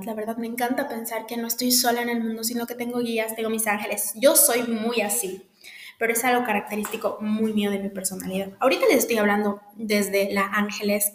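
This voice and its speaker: A young adult woman, hosting a solo podcast in a heartfelt, confiding, gently earnest manner. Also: fairly high pitch. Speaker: podcast host. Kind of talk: reflective solo podcast monologue. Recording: echoey room.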